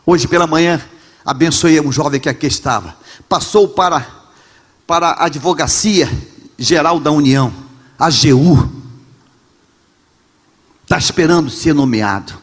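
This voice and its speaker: A man preaching a Pentecostal sermon as pastor in a large church, with a Rio de Janeiro Brazilian Portuguese accent, impassioned, often shouting and repeating phrases. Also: on the high side, measured pace, long pauses, breathy edge, long reverb tail.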